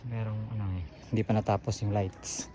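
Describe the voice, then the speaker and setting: A man's voice: fairly low pitch, flat delivery, a little fast, noisy background. A man, out of breath, chatting casually to viewers as he explores a hillside trail outdoors on a handheld camera. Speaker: vlogger. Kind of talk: casual running vlog narration.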